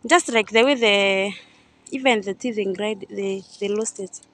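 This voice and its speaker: Outdoors at a coffee farm and factory, a young woman tours the grounds for her vlog, recording on a phone camera she holds. Her casual chat is exploratory and often uncertain, delivered a little slowly in a bright, mid-range voice.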